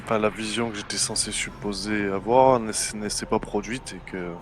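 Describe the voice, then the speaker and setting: A man's voice: fairly low pitch, steady tone, normal speed. A man playing a tabletop game, hesitant and thinking aloud. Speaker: player. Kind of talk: tabletop role-play.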